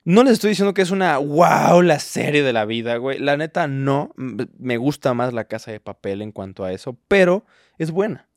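A man's voice: medium pitch, very animated, a little fast, no echo, clean studio sound. A young adult man with a Mexican accent, co-hosting a casual podcast chat, rambling and jokey. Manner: rambling, jokey, mock-defensive. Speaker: podcast co-host.

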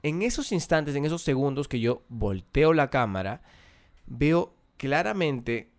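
A man, hosting a podcast and telling a story in an animated way, acting out the voices of the people in it. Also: medium pitch, measured pace. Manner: animated, acts out quoted voices. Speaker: podcast host. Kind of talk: casual storytelling.

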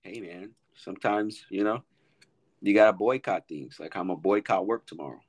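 A young man hosting a casual podcast, relaxed and slangy as he chats and wraps up. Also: sits low, moderate pace, breathy edge. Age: young adult. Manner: relaxed, slangy, wrapping up the show. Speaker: podcast host. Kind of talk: casual chat.

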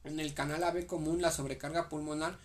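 During a study session, a young man with a Mexican Spanish accent reads medical notes out loud and breaks them down again in casual slang for his exam partner. His fairly high voice is brisk, with little pitch movement.

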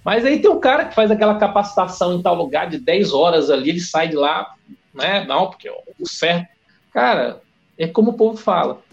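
A Brazilian biologist, a man, talking as a podcast guest in an animated, slangy, emphatic way. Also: sits high, brisk, vocal fry. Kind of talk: casual podcast chat. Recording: dull lo-fi audio with faint music.

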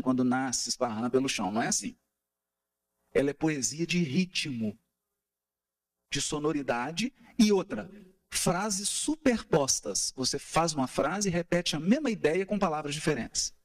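A man lectures to his study group in a high, bright-edged voice that leaps up and down in pitch. He keeps asking the room rhetorical questions and counts out beats to make his point. His delivery is animated and explanatory. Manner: animated, asks rhetorical questions, taps out rhythms. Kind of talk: explanatory talk on gospel study.

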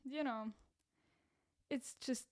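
Woman podcaster, somewhat high voice with cracks, loose rambling self-mocking delivery. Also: drawn-out words, darkish tone. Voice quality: voice cracks, a bit rough. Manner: rambling, self-deprecating, laughs at own jokes. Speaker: podcast host and content creator. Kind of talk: casual solo podcast chat.

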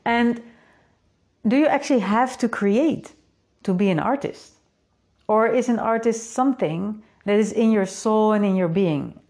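Her mid-range voice is a little mellow and measured in pace, carrying the Dutch accent of a native speaker. The woman, an artist who hosts a creative community, talks reflectively on her own to its members, thoughtful and fond of rhetorical questions and a closing "right?".

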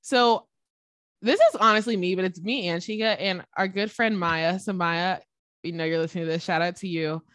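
A woman's voice: on the low side, moderate pace, fairly bright tone, no echo, clean studio sound. A woman co-hosting a podcast in casual chat, laughing often and acting out quoted lines. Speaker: podcast co-host.

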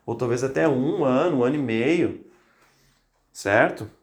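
A man's voice: mid-range voice, unhurried, reverberant. A man hosting a motivational podcast for teachers, talking insistently and repeating phrases for emphasis, a little congested with a cold. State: slightly congested with a cold, occasional coughs. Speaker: podcast host coaching teachers.

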